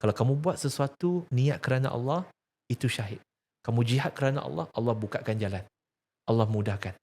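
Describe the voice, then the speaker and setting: A religious activist with a Malaysian accent talks earnestly about faith in a darkish, mid-range male voice at a slightly fast pace. His manner is emphatic and preacherly, built on rhetorical questions and a teaching story.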